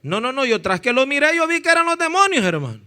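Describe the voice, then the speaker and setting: A male pastor preaching a fervent sermon. He often calls his listeners "brother", rises to shouts and then drops into stories. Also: extremely high pitch, very animated, fast talker. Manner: addresses listeners as "hermano".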